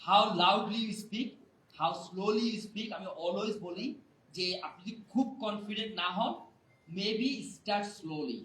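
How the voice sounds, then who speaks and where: Male speaking coach, very high and sharp voice, fires questions at a crowd, echoey hall, distant mic. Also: takes it slowly, a little hiss or hum. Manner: energetic, keeps quizzing the audience for replies. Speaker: public speaking trainer. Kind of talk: live motivational workshop. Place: hall with a live audience.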